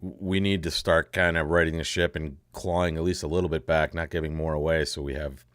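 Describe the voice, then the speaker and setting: A man with an extremely deep voice hosts live bridge commentary. He teases his co-hosts and laughs easily, and the sound is dry and close. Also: flat delivery, a little fast, clear, resonant tone, no echo.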